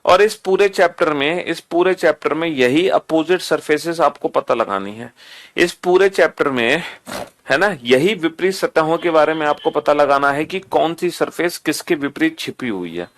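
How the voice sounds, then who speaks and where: Male teacher, slightly high voice, drills students with repeated questions. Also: lively intonation, moderate pace, fairly bright tone. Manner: repetitive, quizzing, answers his own questions. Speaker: reasoning teacher. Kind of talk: video lesson for students.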